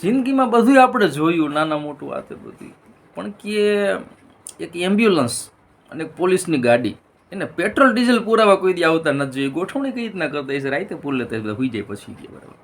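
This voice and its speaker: A man's voice: a little high, sing-song, fairly quick. A middle-aged man, telling a string of jokes in a casual monologue and switching voices for the punchlines.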